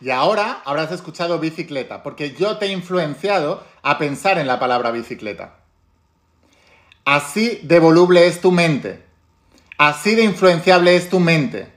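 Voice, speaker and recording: Man, Spain Spanish accent, self-help teacher talking to camera, pitched a bit high, emphatic and repetitive. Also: animated, moderate pace, a bit bright. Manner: emphatic, repeats key phrases. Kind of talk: direct-to-viewer talk.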